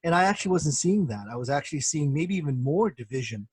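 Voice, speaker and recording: Casting note: middle-aged man, husky tone, dry close sound, thoughtful guest with soft fillers. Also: fairly high pitch, lively intonation, no room sound. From born in Korea, grew up in the United States. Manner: measured, reflective, many soft fillers. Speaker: guest, professor and former pastor. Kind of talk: thoughtful interview answers.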